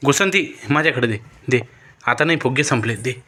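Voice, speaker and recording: A man talks to a toddler at home in a playful, coaxing way, asking the same question again and again. His voice sits at an ordinary pitch for a man. A faint hiss runs under the recording. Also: lively intonation, a little fast, sharp tone. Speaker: parent filming a toddler. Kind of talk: playful home video chat with a child.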